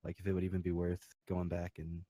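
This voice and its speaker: A man playing in a tabletop game, asking hesitant, halting questions. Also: low-pitched, completely flat delivery, dark tone. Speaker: player.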